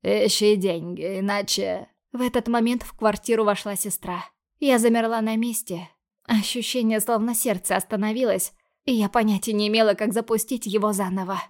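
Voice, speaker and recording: A woman reading a first-person novel aloud in a steady, earnest storytelling manner. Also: on the high side, fairly quick. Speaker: audiobook reader.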